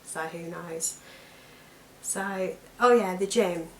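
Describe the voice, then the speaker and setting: A British woman with a croaky, allergy-affected voice, chatting casually to camera as a weight loss vlogger. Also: lowish voice, takes it slowly. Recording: echoey room with background noise.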